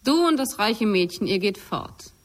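A woman's voice: medium pitch, expressive, normal speed, lightly acted. An actress playing a cold, mocking woman who speaks in a dry, taunting way in a radio drama. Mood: sardonic.

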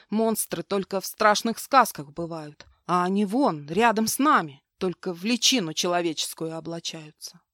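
A woman's voice: medium pitch, dry recording. A woman narrating a first-person audiobook in a tense, dramatic reading, recorded close to the microphone.

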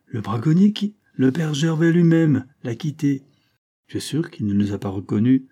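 A man voicing a rough, anxious peasant wife who asks short, startled questions. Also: fairly low pitch, steady tone, fast talker, dark tone, close to an everyday voice. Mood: alarmed.

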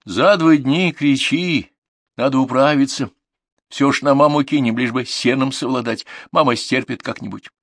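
A man voicing a brisk, practical middle-aged farm woman who complains about her chores. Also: mid-range voice, fairly bright tone, no room sound, studio quality, voice pushed up.

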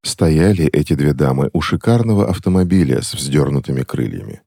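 Male audiobook narrator, very low voice, lively intonation, dry close-miked read. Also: fairly quick, vocal fry, no echo. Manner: expressive storytelling.

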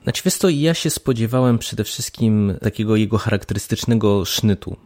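A man's voice: on the low side, moderate pace, darkish tone. A man co-hosting a film podcast, chatting casually and often searching for words. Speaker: podcast co-host.

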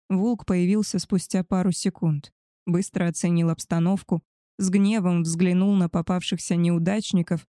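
Woman reading with a low, warm voice. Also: no room sound, studio quality. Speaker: audiobook narrator. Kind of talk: first-person storybook narration.

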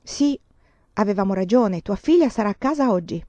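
Caring young nephew in a storybook, woman reading him, gentle and soothing, mellow tone. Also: medium pitch, animated, normal speed, dry recording, lightly acted. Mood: reassuring. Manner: gentle, reassuring.

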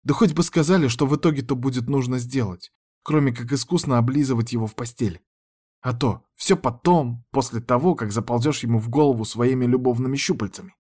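A man voicing a sharp-tongued young witch woman who is bitter and frightened. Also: mid-range voice, fast talker, husky, pitched above the performer's own voice, natural voice. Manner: bitter, hissing, bold.

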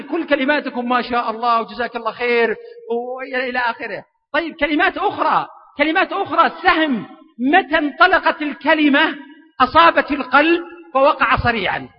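A man preaches in a very high, rapid voice. He jokes with the audience and coaxes them to respond, and the sound is muffled and echoes through a long hall. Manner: animated, joking, coaxing the audience. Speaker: preacher giving a public lecture. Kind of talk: lively interactive religious lecture. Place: large lecture hall with an audience. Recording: dull, echoey lecture hall recording.

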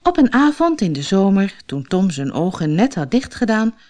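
A woman from the Netherlands reading a children's audiobook aloud with expressive storytelling. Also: mid-range voice, moderate pace. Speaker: storybook reader.

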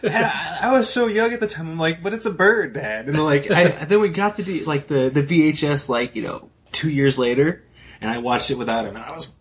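A man's voice: on the high side, fairly quick, husky. A man co-hosting a casual podcast chat, rambling and laughing often as he talks. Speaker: podcast co-host.

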